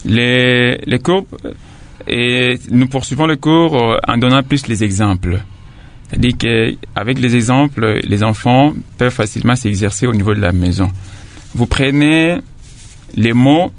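A man teaching a lesson, patiently repeating and sounding out syllables one by one. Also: mid-range voice. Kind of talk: classroom lesson explanation.

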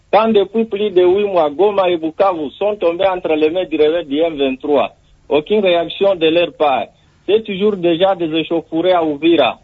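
A man calls a radio show with a formal, rhetorical political denunciation. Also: a little high. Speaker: radio call-in listener. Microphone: remote call. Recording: dull call-in radio line.

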